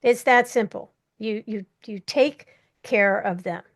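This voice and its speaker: A woman's voice: mid-range voice, slow. An older woman being interviewed on a podcast, speaking in a direct, plainspoken way about business. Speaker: interview guest, marketing leader. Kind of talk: casual interview chat.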